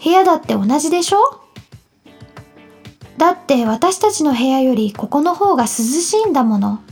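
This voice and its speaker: A woman voicing an excitable, indignant young girl in a storybook. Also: high voice, normal speed, soft background music.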